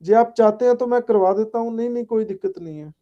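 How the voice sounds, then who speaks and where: Mellow-voiced male teacher. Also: high voice, fast, highs cut off. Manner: casual, repeats "ठीक है" and "हाँ जी" often. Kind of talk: online polity lecture answering student chat.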